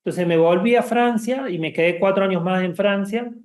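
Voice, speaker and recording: Man, middle-aged, interview guest, halting with fillers, slightly raised pitch. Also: a little mellow. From Argentina. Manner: hesitant, many fillers and restarts. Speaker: guest, bookshop founder. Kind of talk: casual interview chat.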